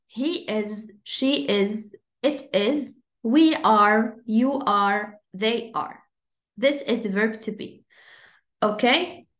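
Woman teaching English slowly. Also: fairly high pitch, a bit bright, roomy sound. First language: Arabic. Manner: switches between slow English and rapid Arabic explanation. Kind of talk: online beginner English lesson.

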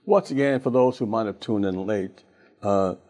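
A man's voice: fairly low pitch, moderate pace, warm tone. A man hosting a TV interview show, asking brief questions and affirming often. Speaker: TV talk show host.

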